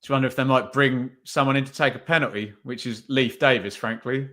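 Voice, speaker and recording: A man talking through a football match as it plays, in a casual watch-along style. His voice sits at an ordinary middle pitch. He chats loosely and keeps checking himself with little tag questions. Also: fairly even intonation, a little fast, sharp tone. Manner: chatty, thinks aloud with tag questions. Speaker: podcast host.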